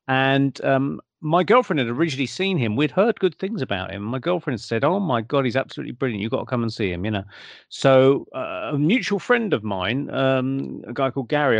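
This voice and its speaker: A man's voice: mid-range voice, vocal fry, dry recording. A British man from the UK, telling a personal anecdote in casual conversation and acting out the quoted dialogue. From United Kingdom. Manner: animated anecdote teller who acts out quoted dialogue.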